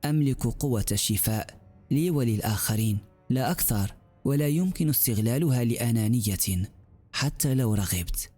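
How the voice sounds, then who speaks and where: A man voicing a gentle young female healer who talks in a calm, earnest way. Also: medium pitch, normal speed, faint music behind, lightly acted. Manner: calm, earnest, softly reasoning.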